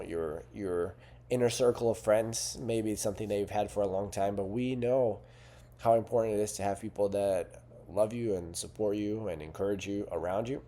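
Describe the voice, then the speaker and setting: A man's voice: fairly low pitch, dark tone. A man talking as a fitness and life coach, in an earnest, conversational way with frequent rhetorical questions. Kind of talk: coaching talk to camera.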